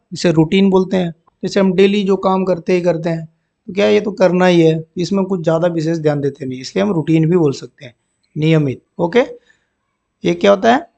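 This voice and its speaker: A man's voice: sits high, gravelly, a little mellow. A man teaching English vocabulary for bank exams, explaining each word in Hindi and often asking "ठीक है ना" to check in. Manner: explains words in Hindi, repeats terms, frequent "ठीक है ना" check-ins; reads example sentences slowly and deliberately.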